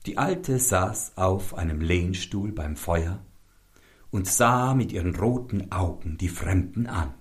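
Slow, lively male fairy tale narrator. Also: low-pitched. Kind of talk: scripted narration.

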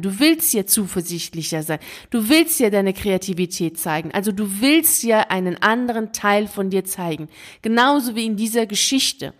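A woman coaching teachers in an earnest motivational monologue, speaking straight to the listener. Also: medium pitch. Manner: earnest, addresses the listener directly with repeated phrases.

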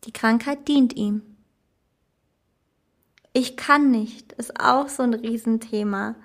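A woman life coach gives a motivational self-help monologue in a fairly high, slow voice. She is earnest and emphatic and laughs at her own slips.

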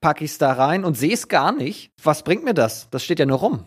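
A man's voice: on the high side, sing-song, moderate pace, husky. A man hosting a podcast in a conversational interview style. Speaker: podcast host.

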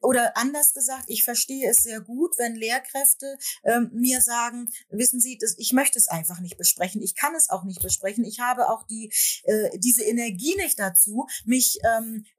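A woman's voice: a little high, normal speed. A middle-aged woman, a school principal and author, talking reflectively in an interview with frequent hesitations. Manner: reflective, hesitant with many fillers. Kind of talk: conversational interview.

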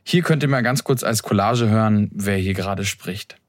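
A man's voice: fairly low pitch, normal speed, dry recording, clean studio sound. Earnest young man introducing his podcast. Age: young adult. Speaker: podcast host. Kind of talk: reflective scripted intro monologue. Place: his room, seated in an armchair.

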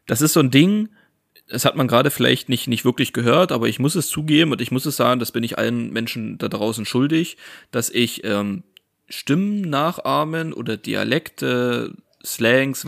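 A man from Saxony co-hosting a casual podcast, relaxed and hesitant with lots of fillers. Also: mid-range voice, moderate pace, vocal fry, no room sound, clean studio sound. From Saxony, Germany. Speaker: podcast co-host. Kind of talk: casual chat.

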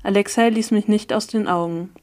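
Woman, audiobook reader, first-person narration, calm, even delivery. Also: medium pitch, a little fast.

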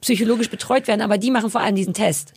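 A quick-talking co-host with a husky voice who tosses in dry, teasing quips. The sound is close to the mic and dry. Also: medium pitch, no room sound. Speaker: podcast co-host. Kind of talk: casual chat. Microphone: podcast microphone.

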